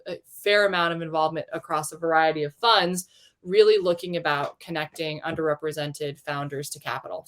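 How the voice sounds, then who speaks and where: A woman's voice: lowish voice, a bit bright. A woman hosting an interview show, upbeat and full of praise for her guest, talking over a video call. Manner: enthusiastic, effusive with praise. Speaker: host.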